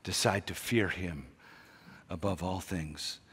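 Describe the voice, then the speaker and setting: Man, pastor, sermon, husky voice, slightly low pitch, long church reverb. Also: steady tone. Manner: slow, intense preaching that swings from loud urging to hushed near-whispers. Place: large church sanctuary.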